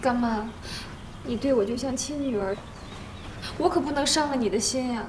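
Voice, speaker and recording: A woman's voice: sits high, normal speed, background noise, lightly acted. A young actress playing an anxious, tearful young woman who pleads in a TV drama. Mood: pleading. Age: young adult. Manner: pleading, distressed. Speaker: goddaughter. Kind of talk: TV drama acting.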